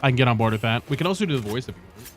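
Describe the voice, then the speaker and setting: A man's voice: medium pitch, expressive, very fast. A man streaming a game, chatting casually, laughing often and reacting to chat. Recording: game music in the background.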